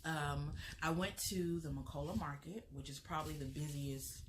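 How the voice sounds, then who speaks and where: A woman's voice: low-pitched, moderate pace, background noise. A young American woman with an American accent, chatting casually as a travel vlogger, rambling with lots of fillers and restarts. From United States. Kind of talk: casual chat.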